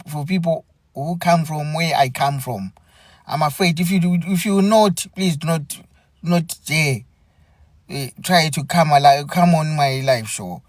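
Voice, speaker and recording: A man hosts a live stream in a slightly raised voice. He talks very slowly, in an earnest, halting way, often circling back over his own words. The sound is dry, with no room echo. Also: fairly high pitch. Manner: halting, earnest, repeats himself. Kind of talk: unscripted live commentary.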